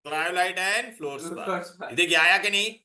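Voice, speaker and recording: Bright-voiced teacher quizzing students. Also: male voice, sits high, slow. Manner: quizzing students, mixing Hindi and English. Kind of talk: classroom revision lesson.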